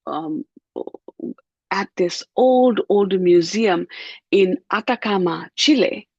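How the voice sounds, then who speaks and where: A middle-aged woman from Nepal, a guest giving thoughtful, measured answers in an interview, drawing out words for emphasis. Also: medium pitch, vocal fry, breathy edge, no echo, dull audio.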